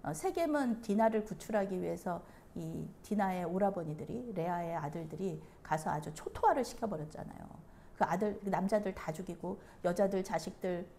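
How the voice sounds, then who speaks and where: Animated woman pastor preaching. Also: lowish voice, normal speed, a little hiss or hum. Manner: animated storytelling, acts out the characters. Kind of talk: sermon.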